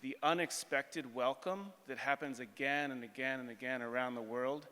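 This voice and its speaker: A man with a smooth, resonant voice asking a long, reflective question from the audience. He builds his points carefully and at length, and the sound rings in a large reverberant hall. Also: medium pitch, normal speed, pushed and bright. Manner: thoughtful, articulate, discursive.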